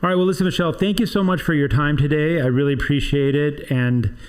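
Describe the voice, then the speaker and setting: A man's voice: fairly high pitch, steady tone, fast, clear, resonant tone. A man hosting a podcast interview for a trade association, talking in a chatty, rambling way with many restarts. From Southern California. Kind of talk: casual interview chat.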